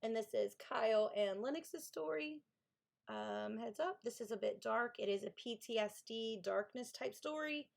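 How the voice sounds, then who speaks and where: A Kentucky woman with a Southern accent chats casually with her live-stream viewers about her books, thanking them and reading the chat aloud. She's an author streaming writing sprints, and her voice is a little high with some vocal fry at a moderate pace.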